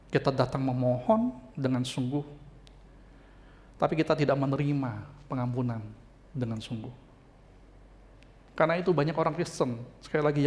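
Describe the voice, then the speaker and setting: A man's voice: fairly high pitch, a little mellow. A male pastor preaching a sermon, telling a story expressively and speaking heartfelt to the congregation.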